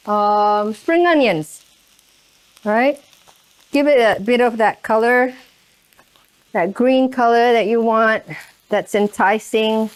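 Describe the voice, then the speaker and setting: A woman hosting a cooking show, chatting through the steps as she cooks and often checking in with "right?". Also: on the high side. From Indonesia. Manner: chatty, keeps asking "right?". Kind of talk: cooking demonstration. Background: sizzling pan.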